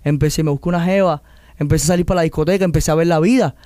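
Fast-talking Cuban man, high and smooth. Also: no room sound, clean studio sound. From Cuba. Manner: animated storyteller, mimics accents. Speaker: guest musician. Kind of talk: casual interview chat.

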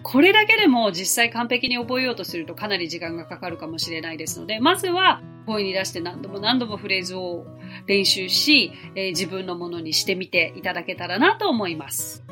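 A woman in her forties hosting a podcast English lesson, explaining clearly and gently and slowing down to model English phrases. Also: mid-range voice, sing-song, soft background music. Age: 40s. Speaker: English teacher and podcast host.

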